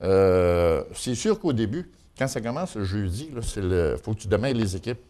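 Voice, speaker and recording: A man's voice: lowish voice, animated, normal speed, dark tone. A man with a Quebec French accent giving an informal local news chronicle in a folksy, colloquial way. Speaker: local news and gossip columnist.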